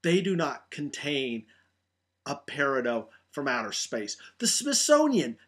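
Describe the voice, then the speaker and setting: A man's voice: medium pitch, wildly swooping pitch, measured pace, fairly bright tone. A middle-aged man, a meteorite hunter, talks casually to camera about gemstones, keen and full of fillers and restarts. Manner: enthusiastic, many fillers and restarts. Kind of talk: casual product talk to camera.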